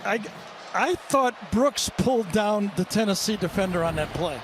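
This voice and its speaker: A man's voice: high-pitched, animated, normal speed, background noise. A man giving live football analysis as a colour commentator, explaining in a conversational way.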